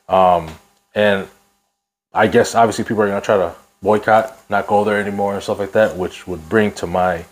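Low-voiced man, slangy bro talk. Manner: bro-heavy, slangy, swearing street talk. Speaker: podcast host. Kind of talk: casual podcast chat.

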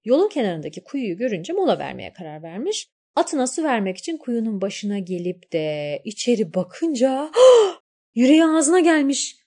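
A woman narrating a fairy tale, shifting between hushed lines and dramatic rises. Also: medium pitch, very animated, normal speed, hardly any pauses, breathy edge. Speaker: storyteller.

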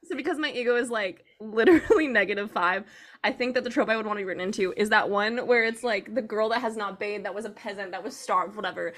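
Bright-voiced giggly woman, animated. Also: medium pitch, quick pace. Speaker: podcast co-host. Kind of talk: casual chat.

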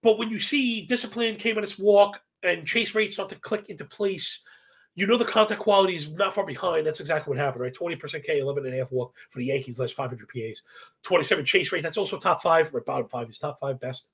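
A man with a high voice and a heavy creak runs through baseball betting analysis. He talks like a slangy professor, stacking statistics in a casual way and tagging points with a quick "right?". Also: a bit bright. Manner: slangy, asks "right?" as a constant tag; self-described professorial, rattles off statistics. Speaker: sports betting analyst, live stream host.

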